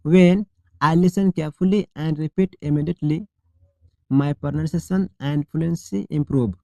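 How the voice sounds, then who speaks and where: A male English teacher runs a shadowing drill, reading each model sentence slowly and deliberately before repeating it clearly. His voice is on the high side and a little mellow, in a dry recording.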